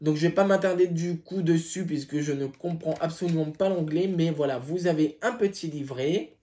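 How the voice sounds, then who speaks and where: A man's voice: on the high side, moderate pace, mellow. A man hosting his tarot channel, chatting casually as he unboxes a deck, hesitant with many filler sounds and apologetic asides.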